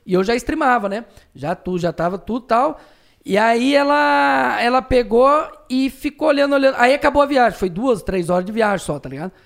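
A man telling profane, slang-heavy anecdotes as a streamer guest in a casual podcast chat, with sudden shouted outbursts. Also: very high-pitched, brisk, gravelly.

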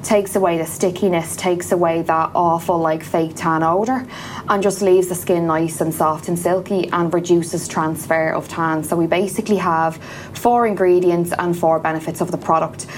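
Irish woman chatting, noisy low-rumble recording. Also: fairly even intonation, normal speed. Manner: informal, chatty explaining. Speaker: podcast guest, small business founder. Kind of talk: casual interview chat.

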